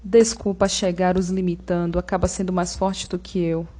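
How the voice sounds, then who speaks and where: A woman's voice: on the low side, little pitch movement, moderate pace, mellow, natural voice. A woman playing Censorship as a domineering ringmaster in a radio drama, with theatrical, commanding announcements. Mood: imperious. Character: Censorship personified, domineering, menacing female ringmaster silencing everyone.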